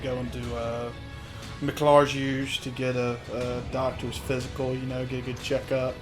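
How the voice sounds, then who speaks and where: Soft-spoken halting male player. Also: mid-range voice, completely flat delivery, over music. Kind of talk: casual tabletop play.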